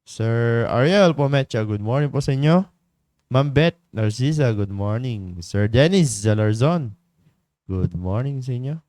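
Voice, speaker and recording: Slow, crisp-voiced man leading a devotion. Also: medium pitch, dark tone, no echo. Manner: chatty, laughs often, many fillers. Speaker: devotion leader and livestream host. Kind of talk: casual livestream greetings and devotional talk. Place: studio.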